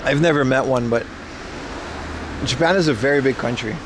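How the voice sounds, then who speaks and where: Speaking at a moderate pace in a mid-range voice, this Aruban man with an American accent chats as a livestream host, rambling playfully and using plenty of slang. The casual stream comes from outdoors in a rainy rural Japanese town, where cars pass on a noisy street amid traffic and general outdoor sound.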